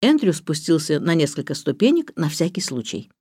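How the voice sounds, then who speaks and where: A woman narrating a children's storybook in a steady, expressive reading voice. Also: sits low, fairly quick, breathy edge, no room sound, studio quality. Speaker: audiobook narrator.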